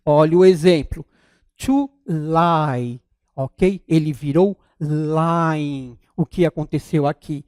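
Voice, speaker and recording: Brazilian man teaching English grammar, high voice. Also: darkish tone, smooth, no room sound, clean studio sound. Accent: Brazilian Portuguese. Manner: slow, deliberate explaining, checks in with "tá?" and "ok?". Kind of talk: grammar video lesson.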